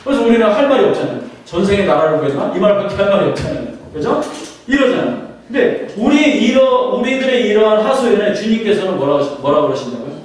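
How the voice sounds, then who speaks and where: A male pastor preaches a sermon in a church sanctuary, often putting questions to the congregation. His voice is high-pitched and very animated at a quick pace, recorded from far off in an echoey church hall.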